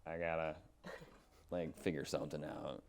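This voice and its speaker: A man's voice: rumbling low, flat delivery, moderate pace, creaky. A man in his thirties, a podcast guest, chatting casually in a rambling way full of fillers. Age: 30s. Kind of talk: casual chat.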